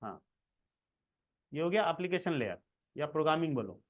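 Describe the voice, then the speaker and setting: A man's voice: a little high, sing-song, moderate pace, lo-fi sound. A man giving a casual screen-recorded coding lesson, talking the viewer through each step and checking in often. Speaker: programming tutor.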